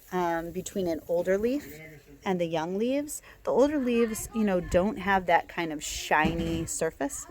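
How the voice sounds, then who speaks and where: This herbal walk guide has a lowish, slightly mellow voice. Speaking casually outdoors in a garden, captured on a handheld phone, she chats with lots of fillers and restarts; her native language is not Hebrew.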